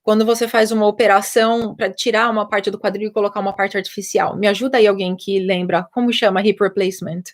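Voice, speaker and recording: A young personal trainer from Brazil with a Brazilian Portuguese accent answers viewer questions in a casual live chat, explaining things with lots of fillers. Her mid-range voice has fairly even intonation and a quick pace with hardly any pauses.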